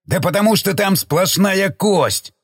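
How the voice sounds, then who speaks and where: A man voicing a furious, gruff former army commander who barks abuse at a subordinate in an audiobook. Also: sits high, unhurried, dry recording, studio quality, pitched above the performer's own voice, heavily acted. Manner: barking, abusive, threatening. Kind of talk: audiobook character reading.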